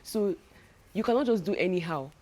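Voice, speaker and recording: A woman's voice: mid-range voice, expressive, normal speed, a little mellow. A young Nigerian woman with a Nigerian accent, talking casually to camera in a travel vlog, chatty and full of restarts. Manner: chatty, many restarts and repeated words. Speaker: travel vlogger.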